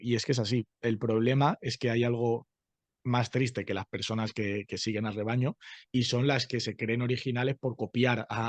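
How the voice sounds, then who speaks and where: A man's voice: medium pitch, darkish tone, no echo. A man hosts a podcast interview with a mid-range voice. The recording is dry and close, with no room sound. He asks long, reflective questions and sets out his own view before turning it over to his guest. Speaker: podcast host.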